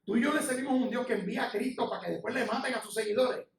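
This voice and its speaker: A middle-aged pastor speaks rapid-fire in a very high voice with vocal fry, delivering a fervent, conversational sermon built around personal testimony. He has a Puerto Rican Spanish accent. The echoey sanctuary recording was made from far away.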